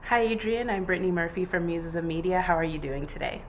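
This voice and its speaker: A woman's voice: fairly low pitch, quick pace, a little hiss or hum. A woman hosting an interview, asking enthusiastic questions, chatty with many fillers. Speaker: interviewer host.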